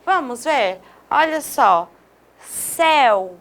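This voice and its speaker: A woman's voice: high-pitched, animated, a bit bright. A woman from Brazil teaching an online video lesson, drawing out example words and often checking in with her listeners. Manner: slow, stresses syllables, drawn-out example words.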